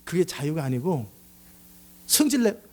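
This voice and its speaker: A middle-aged male pastor delivers a sermon in a slightly high voice at a measured pace. He's animated, acting out angry outbursts, shouts, and jokes along the way.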